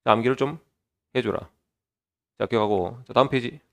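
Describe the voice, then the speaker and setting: Male lecturer, middle-aged, gravelly tone, patient step-by-step exam prep delivery. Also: mid-range voice. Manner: explains step by step, opens lines with a drawn-out "자".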